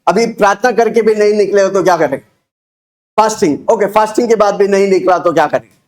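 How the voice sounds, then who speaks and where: Indian guy preaching, high voice, booming and exhorting, keeps telling the crowd to repeat after him. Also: quick pace. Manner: booming, exhorting delivery with shouted prompts for the congregation to repeat; repeats phrases and fires rhetorical questions at listeners. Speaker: preacher leading a church congregation. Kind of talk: loud call-and-response sermon.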